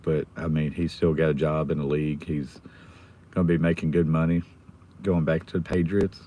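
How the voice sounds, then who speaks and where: An American man with his voice nearly gone, chatting casually and quietly as a livestream host while sitting in a car. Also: rumbling low, little pitch movement, moderate pace. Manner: subdued, holding the volume down. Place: inside a car in a school pickup line. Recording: noticeable background noise in a car.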